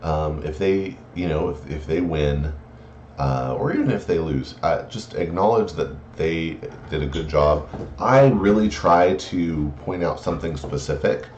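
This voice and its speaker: A man's voice: extremely low pitch, a little slow, a little mellow. A man giving friendly, considerate advice in a casual instructional talk, hesitant with many fillers and restarts. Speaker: card game player giving etiquette advice. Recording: roomy, slightly muffled, faint noise.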